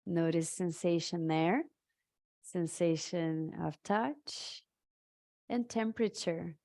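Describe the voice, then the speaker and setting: A woman leads a live guided meditation in a soothing, halting manner, leaving long pauses between short phrases. Her voice is fairly low, creaky and mellow.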